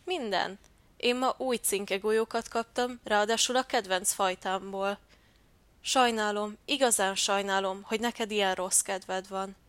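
A chirpy, cheerful little bird, as a woman reader puts her on, bright in mood and fairly loud. She sounds dry and close to the mic. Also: mid-range voice, steady tone, no echo, lightly acted. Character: cheerful little female great tit.

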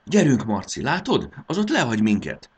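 A man reading aloud and voicing a young fairy girl who is bossy, lively and urgent. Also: deep voice, vocal fry, breathy edge, pitched above the performer's own voice, exaggerated voice. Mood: eager, bossy.

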